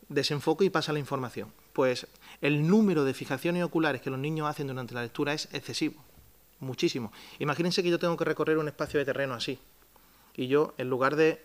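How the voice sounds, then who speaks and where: A man with a Spanish accent explaining a reading program at a town hall press conference, talking step by step with fillers and restarts and answering his own questions. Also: fairly high pitch. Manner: asks himself rhetorical questions and answers them. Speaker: company presenter at a press conference.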